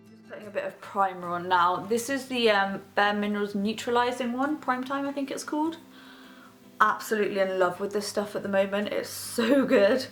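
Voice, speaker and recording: A young woman chatting casually and rambling a little as she does her makeup, vlogging from her bedroom. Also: medium pitch. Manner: rambling, casual, talks while doing makeup. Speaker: beauty vlogger host. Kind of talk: chatty get-ready-with-me makeup tutorial. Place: bedroom, sitting on her bed.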